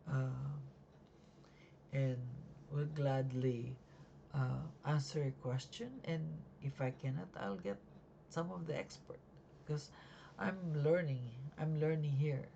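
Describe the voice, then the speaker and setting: A novice life insurance agent explains policies in a casual nighttime home video, using a raspy, sleepy, dark mid-range voice with a steady tone. The talk halts with many fillers and restarts, and the recording has its highs cut off plus a little hiss or hum.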